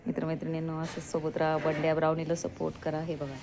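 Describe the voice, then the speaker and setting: A woman's voice: low voice, monotone, quick pace, very noisy. A middle-aged woman at home chatting to viewers about her pets and scolding her cat in sing-song baby talk. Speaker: pet vlogger. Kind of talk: casual pet vlog chat. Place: home, indoors.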